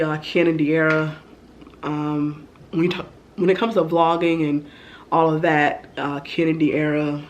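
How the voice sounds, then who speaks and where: A young female vlogger with a deep voice, carrying a slight hiss or hum, works through a casual get-to-know-me Q&A. She sounds stuffy as she gets over the flu, and she chats and rambles with lots of ums.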